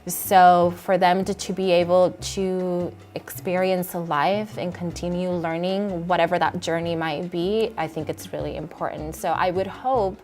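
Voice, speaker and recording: A woman from Puerto Rico, a high school Spanish teacher, speaking earnestly in an interview with frequent pauses and fillers. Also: fairly even intonation, darkish tone. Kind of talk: interview talking about teaching. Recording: music playing underneath.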